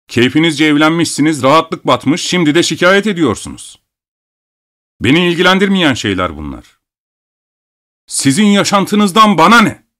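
A man voicing a bitter male doctor who shouts with scornful indignation. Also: medium pitch, pitched above the performer's own voice, lightly acted.

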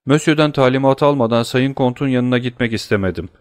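A man's voice: medium pitch, fast talker, no room sound, studio quality, close to an everyday voice. A man voicing a deferential male servant, speaking politely and hurriedly to his master. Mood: anxious.

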